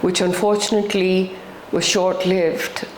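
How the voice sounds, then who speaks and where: An older woman with a British accent, talking reflectively about her own life in an earnest, halting way, repeating words for emphasis. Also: on the low side, flat delivery. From England. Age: older, around 60. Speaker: interviewee. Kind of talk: reflective personal conversation. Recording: echoey room with faint background noise.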